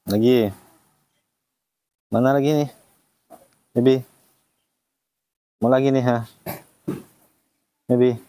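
A man vlogging as he feeds and looks after a baby animal, talking gently and coaxing it with repeated phrases. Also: medium pitch, steady tone, takes it slowly, long pauses, clean tone. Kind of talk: casual vlog narration.

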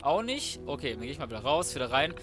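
Fast and sing-song at a medium pitch, a young adult man narrates a let's play in casual slang, frequently muttering to himself mid-game. Loud game music, typing and gunshots fill the background.

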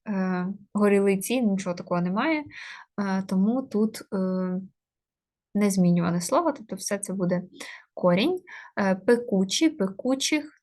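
A woman teaching a grammar lesson, working through test answers step by step, with many filler sounds and quick self-corrections. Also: mid-range voice.

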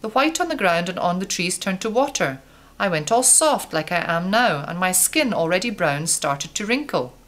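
Storybook: woman reading as an old apple man, gentle storyteller, slightly low voice. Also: very animated, moderate pace. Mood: recounting. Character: old wrinkled male apple, wise storyteller.

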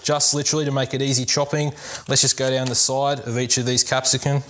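A man's voice: mid-range voice, level tone, fast. A young man hosting a cooking lesson in a home kitchen, chatting casually and upbeat to viewers while he chops vegetables. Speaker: cooking show host, sports dietitian. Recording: kitchen clatter and chopping noise. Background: knife chopping on board, dishes clinking.

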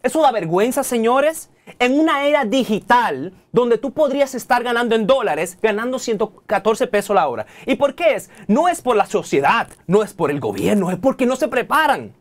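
A man in his thirties with a Dominican accent, a technology guest in a TV studio interview who talks in an animated, preachy way and keeps addressing the audience directly. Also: very high-pitched, moderate pace. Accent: Dominican Spanish. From Dominican Republic.

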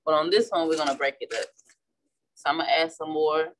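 A florist and class instructor in her thirties from St. Louis, Missouri, with a Midwestern accent, chats casually while demonstrating painting at an indoor flower shop worktable. Her voice is deep and a little fast, and she restarts often as she works in a relaxed way. There is slight background noise.

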